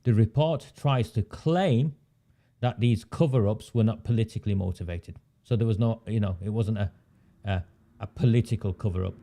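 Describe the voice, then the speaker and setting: Speaking at normal speed in a lowish, mellow voice, a local campaigner from Oldham gives a monologue of political commentary. His approach is methodical and repetitive, punctuated by rhetorical questions and sarcastic, dry remarks.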